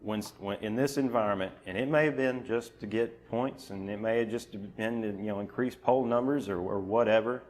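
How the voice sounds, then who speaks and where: A man preaching an informal sermon in a church, talking in halting bursts full of restarts and fillers. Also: on the low side, a little mellow.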